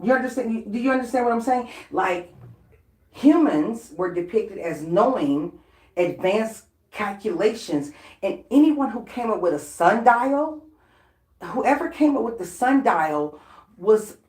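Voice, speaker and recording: A woman's voice: mid-range voice, expressive, a little slow, darkish tone. A woman vlogger in a casual, unscripted rant, blunt and profane and laughing between lines. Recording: roomy echoey room.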